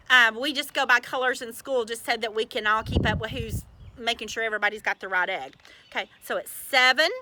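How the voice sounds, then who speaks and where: A woman teaching preschoolers, telling them a story in an animated way and talking straight to the children. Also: high voice.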